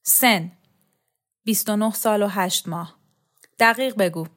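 A woman's voice: mid-range voice, fairly bright tone, lightly acted. A woman reader voicing a bossy, impatient male official who barks short commands in a storybook reading. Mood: curt. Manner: curt commands, barking.

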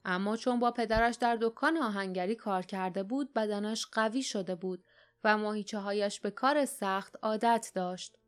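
A woman reading an adventure audiobook in a calm, even storytelling manner. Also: mid-range voice. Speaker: audiobook narrator. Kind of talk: scripted narration.

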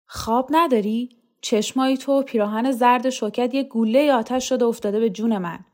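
A woman voicing a frail, delirious old man who shouts bitterly in a raspy voice. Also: on the high side, fairly even intonation, lightly acted. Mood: angry.

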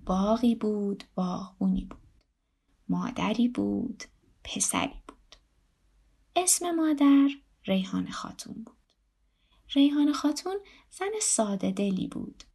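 A woman narrating a children's story in a gentle, lilting sing-song way. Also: medium pitch, very animated, long pauses, husky.

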